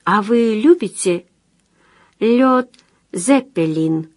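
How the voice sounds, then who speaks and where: A bashful young man in his twenties, halting and flustered, as read by a woman narrator. The reading is close and dry, in a middle pitch. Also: expressive, a little mellow, no room sound. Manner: hesitant and flustered.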